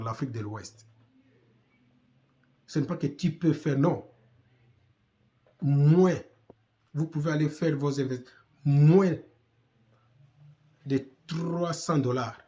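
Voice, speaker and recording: A man's voice: medium pitch, a little mellow. A man from Congo with a Congolese French accent, giving impassioned commentary full of rhetorical questions and repetition. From Democratic Republic of the Congo. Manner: exhorting, rhetorical questions, repeats himself.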